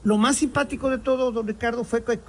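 A Mexican man hosting a sports talk show, telling crude, animated stories and acting out people in them. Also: very high-pitched, fairly quick, slight background noise. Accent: Mexican Spanish. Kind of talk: joking storytelling among co-hosts.

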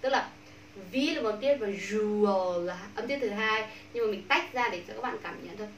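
A Vietnamese woman teaching English pronunciation to a class, drawing out model words slowly and repeating them. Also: mid-range voice, distant mic. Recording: echoey room, voice from off mic, faint background hum.

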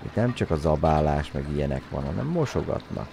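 A man with a deep, gravelly voice gives joking let's-play commentary. He turns excitable and shouts up into a high register at his game character. His pitch moves all over the place, and the recording carries a steady hiss of noise. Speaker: game streamer.

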